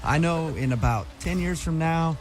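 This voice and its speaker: A man's voice: on the high side, moderate pace, soft background music. A man hosting a morning radio show with casual, teasing, joking talk.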